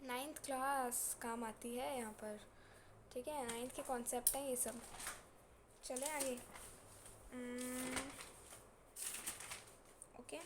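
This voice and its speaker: A woman's voice: sits high, steady tone, slow, pauses often, noisy background. A woman science teacher lecturing in a casual, teasing and scolding way, repeating her points and mixing in terms. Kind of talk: classroom lecture.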